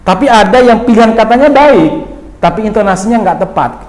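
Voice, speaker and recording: A man giving a dawn sermon in a lively, teasing way, asking his audience questions. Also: sits high, a little fast, roomy sound, rough recording. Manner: slips into Javanese phrases. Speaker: preacher.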